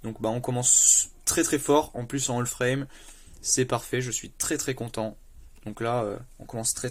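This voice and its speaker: A man chatting casually as he opens trading card packs, with lots of fillers, stumbling over English card names and bursting with excitement at good pulls. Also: medium pitch. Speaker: card collector opening booster packs. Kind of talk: casual unboxing commentary.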